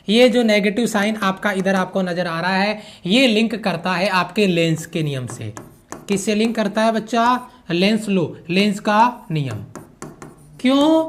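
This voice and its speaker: A man's voice: high voice, a little hiss or hum. A man giving an online physics lecture who repeats key phrases, mixes English physics terms into his explanation and keeps checking that the students follow. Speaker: physics teacher.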